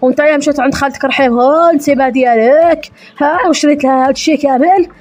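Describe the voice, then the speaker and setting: A woman's voice: high-pitched, fairly even intonation, quick pace, darkish tone, faint music behind, close to an everyday voice. A woman playing a nagging older mother who pries and reproaches her grown son in a comedy sketch. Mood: reproachful. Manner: prying, reproachful questioning.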